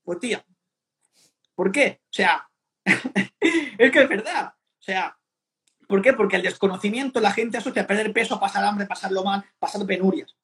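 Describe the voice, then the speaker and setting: A man's voice: sits high, normal speed, long pauses, a bit bright. A young man from Spain, a fitness coach talking bluntly in casual slang and acting out what other people say. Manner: blunt, slangy, often acts out quoted remarks. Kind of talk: casual podcast conversation.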